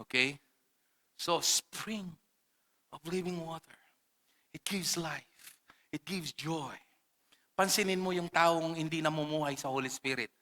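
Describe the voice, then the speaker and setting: A man's voice: on the high side, pushed and bright. A man preaching an impassioned sermon as a pastor, switching between languages. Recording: reverberant hall.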